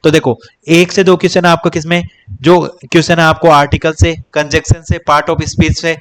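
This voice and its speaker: Male exam-prep teacher, casual lecture, repeats himself, counts off topics, a little higher voice. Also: flat delivery, normal speed. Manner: repetitive, addresses viewers as "bhai", lists topics and counts. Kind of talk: casual Hindi-English exam coaching lecture.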